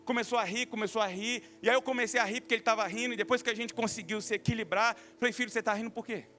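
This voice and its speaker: A man in his thirties with a Brazilian Portuguese accent, preaching a sermon as a pastor and telling stories with lively acted-out voices. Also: extremely high pitch, racing, soft background music. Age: 30s. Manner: animated storytelling, acting out quoted voices.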